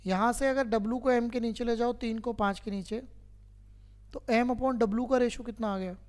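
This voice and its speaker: A man's voice: very high-pitched, fairly even intonation, fairly quick. A man teaching a math lesson to a class, who keeps quizzing his students and patiently repeats each step.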